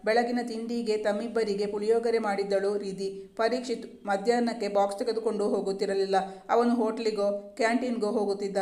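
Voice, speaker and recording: A storyteller reading a romance novel in an even, measured narration. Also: mid-range voice, echoey room.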